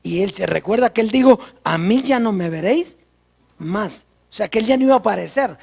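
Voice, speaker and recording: A preacher teaching a sermon in a slow, deliberate way and posing rhetorical questions to the congregation. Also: mid-range voice, expressive, vocal fry, darkish tone, breathy edge.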